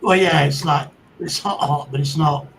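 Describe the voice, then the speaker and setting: A man's voice: fairly high pitch, fairly even intonation, normal speed, a bit bright, a little hiss or hum, low-quality recording. A man chatting casually and easily as a guest on a livestream. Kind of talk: casual chat.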